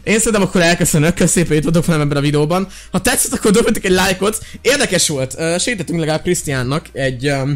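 A young man doing energetic let's-play commentary as a gaming YouTuber, excitable and shouting when the game gets tense. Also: fairly high pitch, few pauses.

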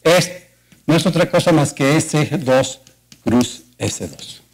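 Speaking slowly but animatedly in a somewhat high voice, a Mexican Spanish–accented man delivers a mathematics colloquium at a university auditorium. He explains each step and tosses rhetorical questions to listeners, and the recording is rough.

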